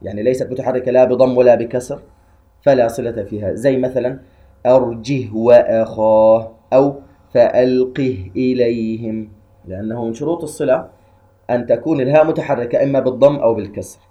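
A man teaching Quran recitation rules in a measured, patient way, slowly chanting short verse examples between his explanations. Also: medium pitch, mellow, lo-fi sound.

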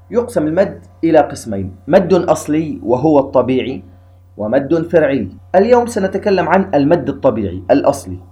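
Calm man teaching tajweed, mellow tone. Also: medium pitch. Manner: calm explanatory, slow drawn-out recitation of examples. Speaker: Quran recitation teacher. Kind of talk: tajweed lesson.

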